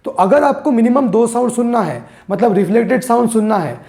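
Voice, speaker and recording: A man teaching a physics lesson, slowly repeating key phrases as if for dictation and mixing English terms into his explanations. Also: very high voice, expressive, vocal fry, warm tone. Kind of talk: classroom lesson.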